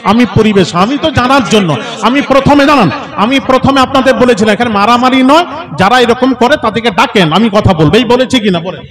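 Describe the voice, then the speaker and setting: A man's voice: extremely high pitch, brisk, crowd noise. A man arguing insistently into a microphone at a village religious debate. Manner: argumentative, insistent, rhetorical questions. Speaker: religious scholar in a public debate. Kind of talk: heated public debate over a microphone. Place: village gathering.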